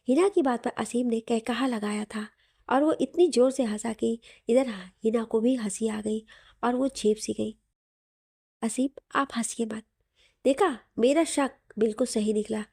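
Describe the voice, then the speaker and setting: A woman's voice: on the high side, warm tone, no echo, clean studio sound. A woman narrating a romantic audio story and voicing both lovers in their dialogue.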